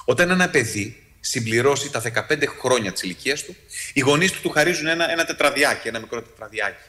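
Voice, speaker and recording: A man voicing an old male cemetery guard who calmly explains an old custom within a spoken story. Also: medium pitch.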